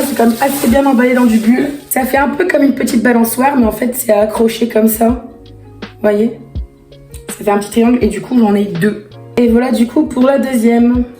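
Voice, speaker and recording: A woman vlogger speaks in a hoarse, raspy voice that sounds close to giving out. Her pitch sits on the high side, and she chats casually to her viewers. The room is echoey, with music playing behind her. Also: steady tone, normal speed, dark tone. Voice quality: raspy, strained from laryngitis. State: hoarse, voice nearly lost.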